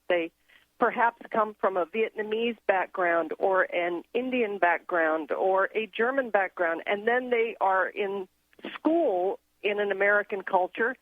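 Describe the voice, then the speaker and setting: A woman who grew up in Thailand, a guest on a radio show, explaining her ideas in an earnest, steady way. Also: mid-range voice, dry recording. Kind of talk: casual radio interview. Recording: tinny phone line.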